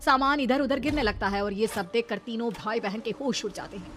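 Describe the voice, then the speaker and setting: A woman's voice: a little high, fairly quick, noisy background. A woman narrating a horror cartoon story in a dramatic storytelling manner. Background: music.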